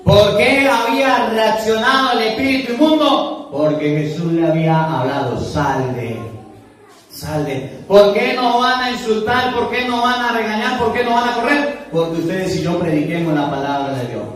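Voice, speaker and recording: Priest, high voice, emphatic urging sermon, echoey church mic from a distance. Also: male voice, moderate pace, few pauses, fairly bright tone. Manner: emphatic, repetitive, urging listeners.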